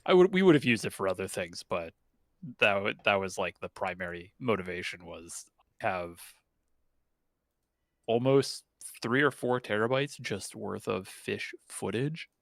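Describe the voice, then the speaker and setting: A man joins a stream as a guest on group voice chat, talking casually, stumbling into restarts and dropping puns. His lowish voice is animated, a little slow and creaky, with no echo.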